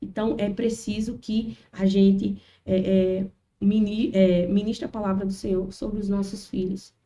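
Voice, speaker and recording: A woman's voice: mid-range voice, a little slow, far from the mic. A woman telling a church testimony as a podcast guest, acting out the people in her story. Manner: animated storytelling, acts out quotes. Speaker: guest, children's ministry worker. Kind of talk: testimony in casual chat.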